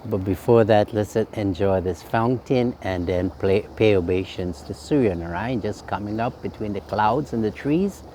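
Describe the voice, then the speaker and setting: A man, a swami, gives an unhurried, reflective spiritual talk outdoors by a fountain in the morning, pausing with frequent ums. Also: fairly low pitch, mellow, a little hiss or hum.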